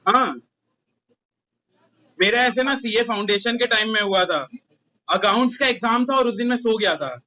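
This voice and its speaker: A man's voice: sits high, moderate pace, long pauses, sharp tone, poor audio. A young Indian man, a commerce tutor, talking casually with his class and teasing his students.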